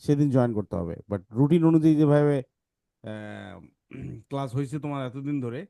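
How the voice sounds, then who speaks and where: Male teacher, patient explainer, mellow voice, dry close sound. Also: mid-range voice, gravelly, no echo. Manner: explains patiently, reads examples slowly. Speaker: English teacher. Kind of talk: online class talk to kids.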